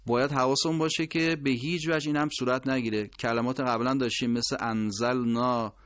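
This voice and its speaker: A man teaching Quran recitation who explains patiently and corrects mistakes, slowly drawing out each example word. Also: medium pitch, fairly even intonation, fairly bright tone, dry recording. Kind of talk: instructional explanation with drawn-out pronunciation examples.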